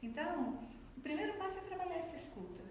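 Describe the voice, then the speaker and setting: Her voice is very high, expressive, fast and a touch mellow as this Minas Gerais speech therapist walks an interviewer through her job in Brazilian Portuguese. She explains didactically and acts out what others said, while the very echoey room adds faint noise.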